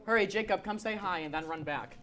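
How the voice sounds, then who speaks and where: A woman's voice: fairly low pitch, fairly bright tone. A young woman co-hosting a student TV show, bantering casually and hurrying things along against the clock. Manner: giggly, bantering, rushed by the clock. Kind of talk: casual live studio chat.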